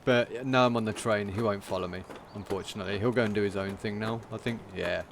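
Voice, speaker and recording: A man streaming a game, talking through it in a casual, monotone commentary. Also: lowish voice, quick pace, gravelly, a little hiss or hum.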